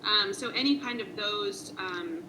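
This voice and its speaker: A woman's voice: mid-range voice, measured pace, background noise. A woman explaining identity terms in a patient, teacherly way, leading a guided conversation. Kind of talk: guided identity worksheet discussion.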